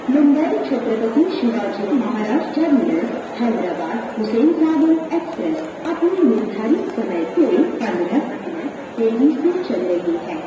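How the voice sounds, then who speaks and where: Woman, railway announcer over a station loudspeaker, measured digit-by-digit reading, slow, long echoing hall, crowd noise. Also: a little high, muffled recording. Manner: measured, reads train numbers digit by digit. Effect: station public-address loudspeaker. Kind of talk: formal train announcement. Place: large railway station platform. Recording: echoey station loudspeaker heard from far.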